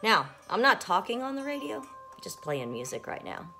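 A woman's voice: medium pitch, big pitch swings, moderate pace, sharp tone. A woman hosting a live stream and radio show, gushing and bubbly as she talks straight to her viewers with music playing behind her. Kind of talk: excited casual live-stream chat. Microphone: phone or webcam on a live stream. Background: music playing in the background.

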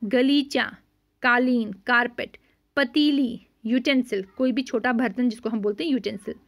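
Woman teacher, slightly high voice, patient, repeats and explains words for young learners. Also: a little slow. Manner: explains each word by mixing in English glosses. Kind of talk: classroom vocabulary lesson.

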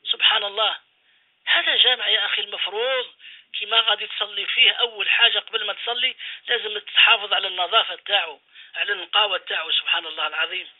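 A man's voice: sits high, fairly even intonation, fast talker. A man, an imam, preaching a radio sermon, exhorting his listeners with repeated phrases and rhetorical questions. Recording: phone-line radio call-in.

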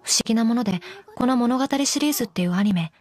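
Commentary figure: flat emotionless undead doll girl, high voice, dry teasing. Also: fast talker, faint music behind. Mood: deadpan. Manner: teasing, dry deadpan jokes. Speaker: commentary co-host. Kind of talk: in-character anime commentary.

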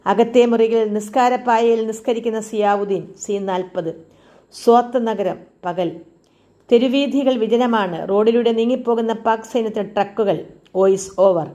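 A woman reading a documentary script aloud at a steady, even pace, announcing each scene. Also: fairly high pitch, moderate pace, muffled recording. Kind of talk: read-aloud script narration.

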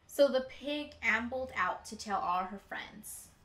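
A young woman with a bright, fairly high voice reads a picture book aloud slowly, as a teacher would for children. Her storytelling is deliberate, emphatic and expressive. The indoor room, lined with bookshelves, gives a roomy echo.

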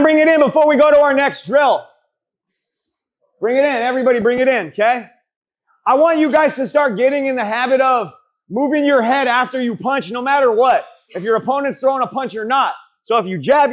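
High-pitched male boxing coach firing up trainees. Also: brisk. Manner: motivational, pep-talk coaching, urging and blunt; profane. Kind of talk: hands-on drill instruction to a class. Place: boxing gym during a group class.

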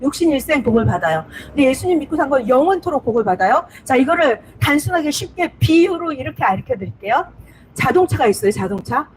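A woman's voice: high voice, sing-song, quick pace, slight background noise, poor audio. A woman preacher telling a Bible story in a simple storytelling sermon, repeating words for emphasis and asking her listeners questions. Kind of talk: children's-style sermon storytelling.

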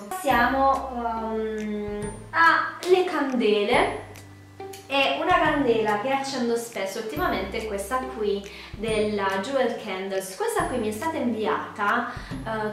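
A woman's voice: fairly high pitch, fairly bright tone. A woman, chatting casually to camera with a cold, her voice nasal and duck-like. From Puglia, southern Italy. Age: 20s. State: congested from a cold, sore throat, duck-like nasal voice. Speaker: vlogger. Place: small bedroom indoors. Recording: very echoey room, music behind. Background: music.

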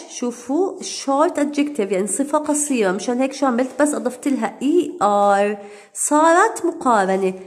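A woman English teacher, giving a recorded grammar lesson in slow, deliberate English and quicker explanations. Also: sits high. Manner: stretches out English example words.

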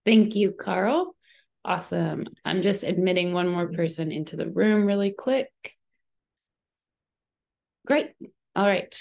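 A woman with a slightly low voice hosts a community meeting on a video call. She moves briskly and cheerfully from one speaker to the next. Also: creaky, a little mellow. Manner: upbeat, quick transitions. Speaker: meeting host. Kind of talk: moderating an online meeting.

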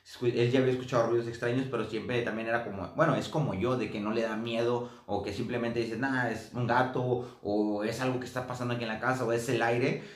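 A man's voice: mid-range voice, fast, hardly any pauses. A man casually telling ghost stories from his travels, acting out what people said. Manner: relaxed anecdotal, acts out quotes. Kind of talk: casual storytelling. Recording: roomy echo.

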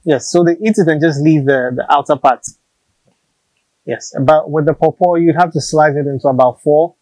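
Poor audio captures this snail farmer, a thirties-aged man with a Ghanaian English accent, talking through his farming methods on a lapel mic in an open-sided outdoor shelter. His slightly high, somewhat mellow voice holds a steady tone at a moderate pace, with no room sound. He is patient and practical and tends to repeat words.

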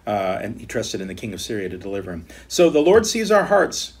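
Husky middle-aged American man teaching Bible study. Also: fairly low pitch, very animated. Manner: earnest, reads scripture aloud slowly with emphasis. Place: home office with bookshelves, seated at desk.

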